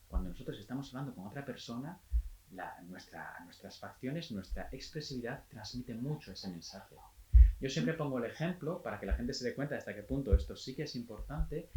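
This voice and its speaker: A man working as a physiotherapist, giving a calm, explanatory health talk and restarting phrases now and then. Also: mid-range voice, roomy sound, low-quality recording.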